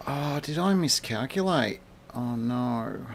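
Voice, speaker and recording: A man's voice: medium pitch, expressive, slow, vocal fry, a little hiss or hum. An Australian man giving casual, rambling commentary as he plays a game, thinking aloud and chatting to the animals on screen. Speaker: game streamer.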